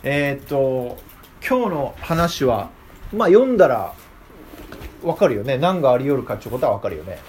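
A man's voice: medium pitch, moderate pace, a little hiss or hum. A man leading a casual, interactive Bible lesson, often putting questions to his listeners. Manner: lively, asks the group questions. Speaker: Bible class teacher.

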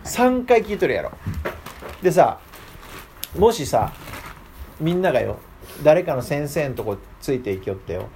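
A man's voice: on the high side, a little slow, long pauses, slight background noise. A man leading a casual, interactive Bible lesson, often putting questions to his listeners. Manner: lively, asks the group questions. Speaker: Bible class teacher.

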